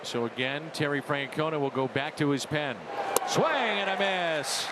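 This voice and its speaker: A man's voice: a little high, expressive, measured pace. A man calling baseball play-by-play like a radio announcer, in punchy, clipped calls that swell on big plays. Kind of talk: live baseball broadcast commentary in the manner of a radio announcer. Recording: loud stadium crowd noise behind. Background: ballpark crowd.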